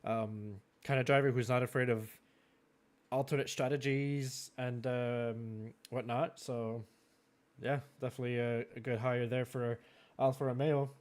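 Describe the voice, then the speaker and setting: A man with a French Canadian accent hosting a racing league draft, chatty and quick to laugh, with plenty of fillers. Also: mid-range voice, fairly even intonation. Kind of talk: live-streamed draft commentary.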